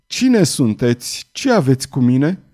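A man voicing a grieving former executioner who speaks in a sorrowful, sighing, low way, in an audiobook reading. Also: very animated, warm tone, close to an everyday voice. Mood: wary. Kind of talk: audiobook character voice.

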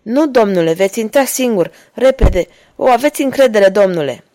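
Woman voicing a cunning male guide, servile, sly, raised pitch, storybook reading. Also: lively intonation, warm tone, lightly acted. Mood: urgent. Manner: sly, deferential, talking his way out.

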